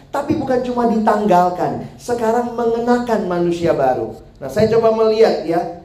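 A man's voice: sits high, dark tone. A man preaching a humorous sermon to young people, joking and laughing at his own jokes. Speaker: youth preacher. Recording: roomy hall sound with faint background noise.

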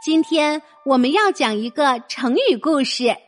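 A woman narrating a children's story, speaking gently and directly to a young listener. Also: high voice, expressive, a little slow, soft background music.

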